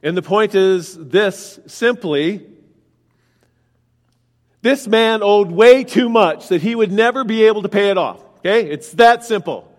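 A man's voice: high-pitched, unhurried. A man preaching a sermon, explaining scripture verse by verse and asking his congregation direct questions. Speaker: pastor. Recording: long hall reverb.

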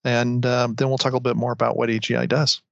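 A man's voice: mid-range voice, little pitch movement, quick pace, creaky, dry recording, dull audio. An American man hosting a podcast indoors, interviewing guests in a casual conversational style. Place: indoors at home.

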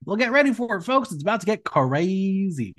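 With a high, slightly bright voice that swings widely in pitch, this man talks fairly quickly as a podcast host. He gives a casual episode recap, telling it theatrically and playfully while posing rhetorical questions.

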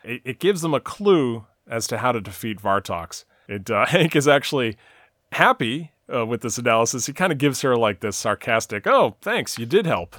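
A man in casual chat, walking through the plot of a TV episode at length. He fills his pauses with "uh" and "you know." His voice is close and dry, with no room sound around it. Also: mid-range voice, lively intonation, a bit bright, no echo. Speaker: podcast co-host recapping a TV episode.

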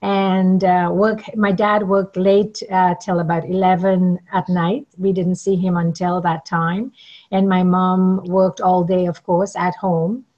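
Speaking at a measured pace, this middle-aged Trinidadian networking coach recounts her story conversationally while being interviewed. Her voice sits on the low side with a flat delivery and a somewhat dark tone, captured in dull-sounding audio.

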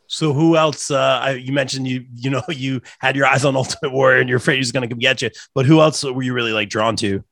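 A man's voice: mid-range voice, fairly even intonation, fast, few pauses, fairly bright tone, no room sound. A man hosting a casual interview in an informal, chummy way. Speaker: interview host.

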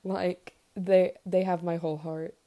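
A young woman chatting as a podcast guest, gushing and warm in what she says, with many fillers and little laughs. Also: on the low side, flat delivery, unhurried. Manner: gushing, lots of fillers and giggles. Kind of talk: casual podcast chat.

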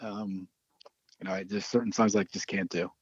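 A singer-songwriter guest chats casually in an interview, his low-pitched voice steady at a normal speed with a breathy edge. He is hesitant, often stammering, restarting and laughing. The recording is lo-fi with no room sound.

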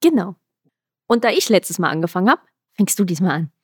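A woman co-hosting a podcast, chiming in with quick jokes. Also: mid-range voice, sing-song, a little mellow, husky, no room sound, studio quality. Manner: quick joking interjections. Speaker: podcast co-host. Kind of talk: casual chat.

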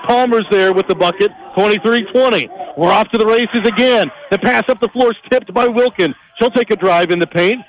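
A man calling college basketball on a headset mic, his voice set high and bright. He rattles through passes and dribbles at speed and jumps higher when a shot drops. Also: rough recording. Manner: rapid energetic calls, rising on big plays. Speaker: play-by-play announcer. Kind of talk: live basketball play-by-play.

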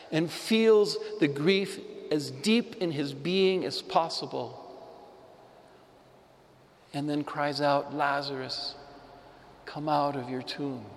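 A man's voice: fairly high pitch, fairly bright tone, long reverb tail, a little hiss or hum. A man preaching a sermon, telling a story with emphatic repetition. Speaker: pastor.

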